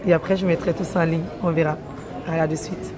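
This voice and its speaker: A young travel vlogger rambles to her phone camera about her day in an airport terminal and on a plane. Her low voice is steady and fast, with a crowd audible in the background.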